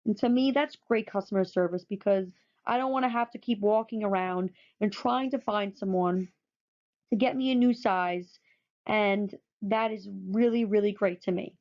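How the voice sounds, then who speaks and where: A woman's voice: medium pitch, moderate pace, a little mellow. A woman narrating a photo presentation, enthusiastic and often repeating words for emphasis. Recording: dull lo-fi recording.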